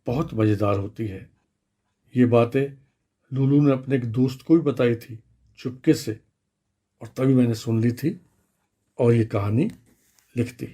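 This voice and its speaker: A man, the author, telling his own story on children's radio, lively and speaking straight to the young listeners. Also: medium pitch, slightly rough. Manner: lively, addressing children directly.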